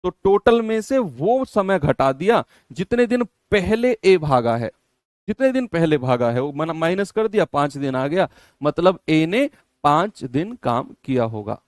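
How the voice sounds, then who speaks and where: Male maths teacher, smooth resonant voice, fairly high pitch, repeats steps, dry close mic. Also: very animated, measured pace, dry recording. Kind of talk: online exam-prep maths lesson.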